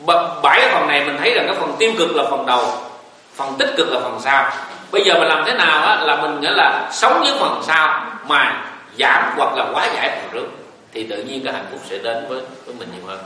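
A man's voice: a little high, expressive, fast talker, pushed and bright. A man, giving a joking, folksy Buddhist dharma talk. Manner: folksy, joking, rising and falling emphasis. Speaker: Buddhist teacher. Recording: echoey room, voice from a distance, faint hiss.

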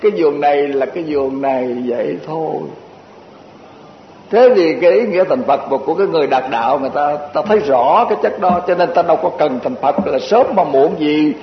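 A man's voice: a little high, expressive, fairly quick. A man giving a Buddhist dharma talk, folksy and repetitive, stringing lists together with chuckling asides. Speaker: Buddhist teacher. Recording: muffled echoey hall recording with faint hiss.

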